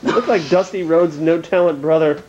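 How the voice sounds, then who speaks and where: A man's voice: a little high, normal speed. A man heckling through live wrestling commentary, firing off crude mocking jokes. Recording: dull lo-fi noisy audio.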